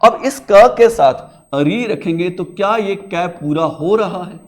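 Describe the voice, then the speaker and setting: A man's voice: high-pitched, expressive, takes it slowly. A man teaching a grammar lesson in a classroom, coaxing his pupils with questions that he answers himself and calling them beta. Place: classroom with a digital board.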